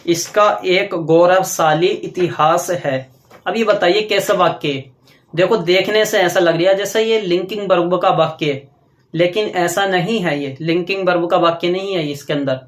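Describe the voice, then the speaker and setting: In an echoey room, a high-voiced man gives a classroom grammar lecture, explaining step by step and dictating slowly as he writes on the board. He often poses questions and answers them himself.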